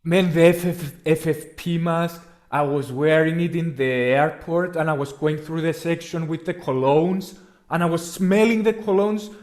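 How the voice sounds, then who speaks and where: Male podcast host, slightly high voice, rambling crude casual banter. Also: normal speed. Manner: rambling, crude, animated when joking. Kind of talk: casual chat.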